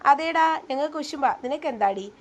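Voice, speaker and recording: A woman's voice: sits high, a little fast, close to an everyday voice. Woman reading as a teasing young husband. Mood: playful. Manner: bantering, mock-stern.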